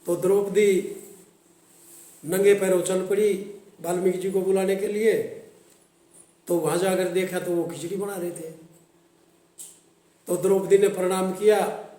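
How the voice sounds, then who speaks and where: A man telling a devotional story to his channel's viewers, reciting verses slowly and then explaining them. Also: sits high, fairly even intonation, warm tone. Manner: slow, recitative when quoting verses. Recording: echoey room.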